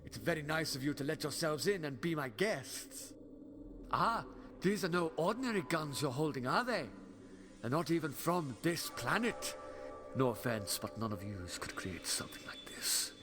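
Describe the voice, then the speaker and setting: Wry, sardonic time-travelling Doctor, higher-voiced man acting. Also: animated, moderate pace, music in the background, natural voice. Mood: cocky, defiant. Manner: wry, verbose, theatrical. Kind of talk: audio drama acting.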